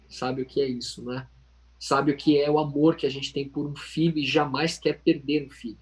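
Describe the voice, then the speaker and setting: A man's voice: fairly high pitch, poor audio. A man with a Brazilian accent leading a Bible study over a video call, telling a story earnestly and speaking straight to his listeners. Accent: Brazilian Portuguese. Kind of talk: informal Bible study teaching.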